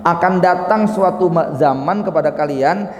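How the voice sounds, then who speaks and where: A man's voice: on the high side, normal speed, darkish tone. A male preacher giving a conversational mosque study sermon, often ending phrases with "ya" and acting out examples. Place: mosque hall. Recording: echoey mosque hall reverb.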